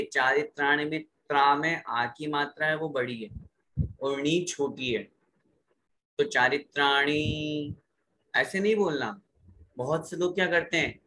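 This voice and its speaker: A man teaching careful pronunciation of sacred verses, slowly chanting each phrase for students to repeat and then explaining the rules more briskly. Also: a little high, bright, forceful tone, poor audio. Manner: slow drawn-out recitation alternating with brisk explanation. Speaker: religious recitation teacher.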